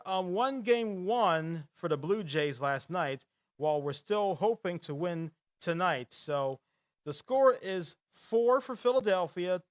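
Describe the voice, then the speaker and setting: With a booming voice suited to radio, this podcast host chats his way through a casual live episode, reading out quiz questions, wandering off topic and laughing a lot.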